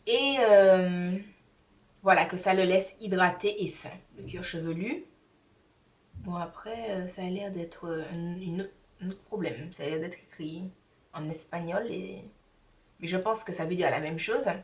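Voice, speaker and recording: Chatty woman beauty vlogger, low, off-mic. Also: measured pace, distant mic. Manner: rambling and hesitant, with many fillers. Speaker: beauty vlogger reviewing a subscription box. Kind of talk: casual chatty product review.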